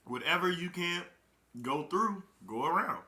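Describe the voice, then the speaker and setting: A young man gives a loose motivational talk in a casual, emphatic way, hammering his points home by repeating them. His voice is fairly high and very bright. It rings with the echo of a roomy space. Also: animated, measured pace. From Chicago, Illinois. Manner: emphatic, repeats key phrases. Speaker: network marketing recruiter.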